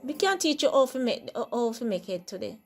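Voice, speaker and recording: A woman's voice: on the high side, sing-song, brisk, a little mellow. A Jamaican-accented woman voicing a patient crab father in a storybook tale, coaxing his child. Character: patient old crab father, a head maker. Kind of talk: storybook character voice.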